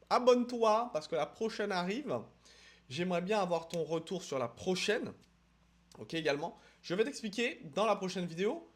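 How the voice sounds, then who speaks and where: A man from France teaching English in a casual video lesson, emphatic, repeating words for stress and talking straight to the viewer. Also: high-pitched. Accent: French accent when speaking English. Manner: addresses viewer directly with quick asides.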